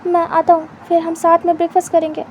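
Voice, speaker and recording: A woman's voice: extremely high pitch, monotone, fast talker, darkish tone, a little hiss or hum. A woman voicing a shy, flustered young man who protests in a huffy way.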